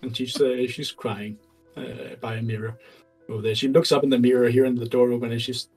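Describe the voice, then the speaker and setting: A man running a tabletop game, narrating in a loose, halting way. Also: mid-range voice, flat delivery, darkish tone, distant mic, soft background music, poor audio. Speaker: game master.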